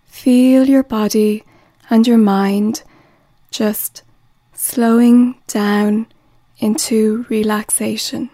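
A woman reading a guided relaxation script in a slow, soothing voice that often drops to a whisper. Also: on the high side, steady tone, mellow, no echo.

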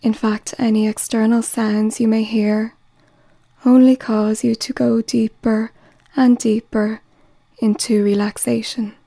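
Woman, relaxation guide: slow soothing delivery with whispered phrases, mellow and steady in pitch. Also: vocal fry, no echo.

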